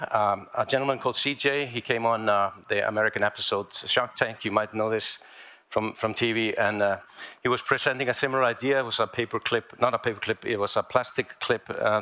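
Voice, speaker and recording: Man presenting at a conference, low-pitched and sharp-toned, halting delivery. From Iceland. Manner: halting, many fillers and restarts. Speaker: inventor giving a talk. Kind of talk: conference talk. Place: large lecture hall, on stage.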